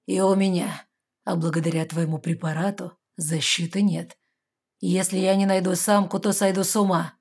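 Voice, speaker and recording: A woman's voice: lowish voice, level tone, darkish tone, breathy edge. Woman reading a cold commanding male fairy lord. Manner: firm, clipped and slow.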